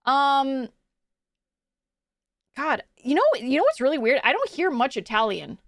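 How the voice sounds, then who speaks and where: A young woman with a high, sing-song voice chats casually and unhurriedly with her stream chat, rambling, tripping over her words and laughing a lot. She sits close to the mic, and the sound is dry with no echo or room around it.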